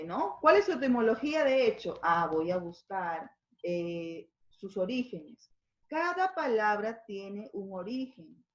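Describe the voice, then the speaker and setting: Female Peruvian teacher, mid pitch, explains patiently; echoey, muffled home-recorded lesson. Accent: Peruvian Spanish. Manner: explanatory, checks in with frequent tag questions. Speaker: schoolteacher.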